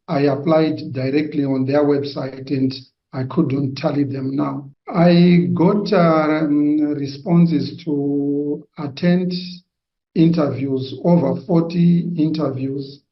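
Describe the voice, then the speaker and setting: A man from Zimbabwe tells his personal testimony slowly and hesitantly, pausing often. His voice sits a little high. It comes through an echoey, dull-sounding video call. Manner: slow, hesitant, many pauses and fillers. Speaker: testimony giver.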